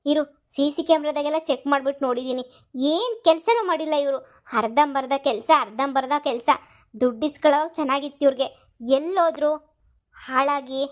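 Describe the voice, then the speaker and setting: A woman voicing a bossy rich homeowner wife in a cartoon comedy, scolding and shouting for the maid. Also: high-pitched, brisk, lightly acted.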